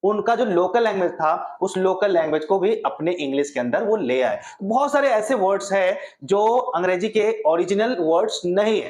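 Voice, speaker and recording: A man's voice: high voice, a little mellow, echoey room. A man teaching pronunciation at a classroom board, asking himself questions and answering them. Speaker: English teacher. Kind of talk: explaining pronunciation to viewers.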